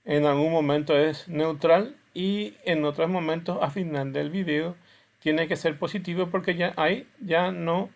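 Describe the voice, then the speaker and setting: A man lectures his class in a rough, gravelly voice that sits a little high for a man. He explains things step by step while he plays demonstration videos, and he often checks that the students are following. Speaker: teacher.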